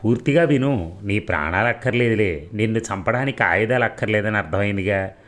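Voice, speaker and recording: Young male avenger, coldly calm and taunting, narrator-voiced. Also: lowish voice, fairly quick, lightly acted. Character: young vengeful hero, cool and taunting.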